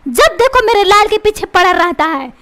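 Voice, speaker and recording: A woman voicing a shrill scolding cartoon mother. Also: big pitch swings, normal speed, very noisy. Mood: angry. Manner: scolding and bossy. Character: fickle scolding mother, doting on her son.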